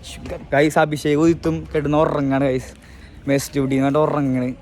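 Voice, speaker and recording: A man's voice: on the high side, level tone, a little fast, darkish tone, soft background music. A man from Kerala vlogging at a student service camp, playful and jokey, always calling out to his viewers. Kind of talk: casual vlog chatter to camera. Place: outdoors at a camp among a crowd of students. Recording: outdoor phone audio with crowd chatter.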